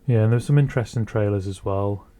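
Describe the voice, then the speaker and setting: A man's voice: on the low side, fast, dark tone. A young man co-hosting a podcast, telling rambling anecdotes in a casual chat. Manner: rambling, anecdotal storytelling with restarts. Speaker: podcast co-host.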